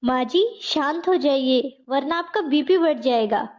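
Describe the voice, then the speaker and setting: A kind young daughter-in-law from a storybook, as a woman narrator puts her on, smiling and reassuring. High and slow, on a dull lo-fi recording. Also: animated, a little mellow.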